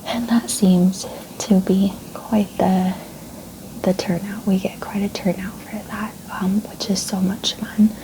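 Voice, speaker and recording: A woman performs a whispered role-play as a kind, helpful librarian. Her voice is soft, breathy and mellow, with polite, reassuring phrasing. Faint noise sits behind her voice. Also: medium pitch, level tone, slow pace, poor audio. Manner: polite, reassuring, gentle customer-service phrasing. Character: gentle, helpful female librarian. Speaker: ASMR creator playing a librarian.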